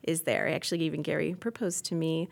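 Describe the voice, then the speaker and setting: A woman in her thirties, a podcast guest, talking earnestly and thoughtfully on a faith podcast, pausing and restarting as she thinks. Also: low voice, little pitch movement, creaky. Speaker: podcast guest, incoming host.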